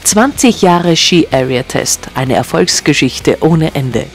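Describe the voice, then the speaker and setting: A man reading a scripted news voice-over in an upbeat, measured tone. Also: a little high, animated. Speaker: news narrator. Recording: narration over music and crowd chatter. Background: music and crowd noise.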